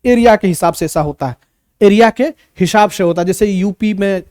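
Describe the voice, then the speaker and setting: Animated high-voiced male teacher. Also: a little fast, no room sound, studio quality. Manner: animated, repeats points and asks rhetorical questions. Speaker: English teacher. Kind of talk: classroom-style video lesson.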